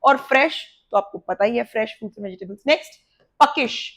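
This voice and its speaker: A woman's voice: on the high side, fairly quick. A woman with an Indian accent teaching a vocabulary lesson, explaining words with memory tricks and repeating them. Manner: lively explaining with repetition.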